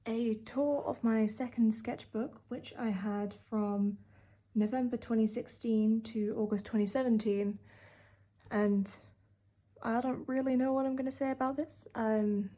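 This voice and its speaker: A young British woman with a mellow, warm voice talks through her sketchbook in a rambling, offhand way. Her sarcastic asides come between plenty of fillers. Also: a little high. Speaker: art vlogger. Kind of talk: casual sketchbook tour narration.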